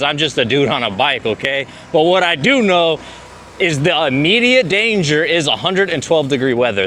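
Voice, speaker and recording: A man vlogger chats casually to camera while riding a bike through city streets, laid-back and talkative and saying "dude" a lot. His voice is on the high side with a sharp tone, and there's slight background noise.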